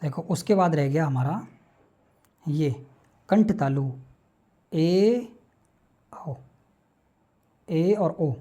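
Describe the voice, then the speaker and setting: In an informal classroom lecture on phonetics, a man recites speech sounds one by one and poses questions he answers himself, addressing his students directly. His voice is a little high, expressive and dark-toned, with drawn-out words and frequent pauses.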